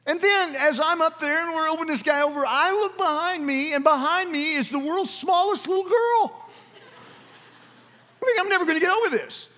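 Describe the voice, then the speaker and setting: High-voiced man preaching in a church hall. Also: moderate pace, sharp tone. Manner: folksy storytelling with many asides. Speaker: pastor. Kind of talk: sermon. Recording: long reverb of a church hall.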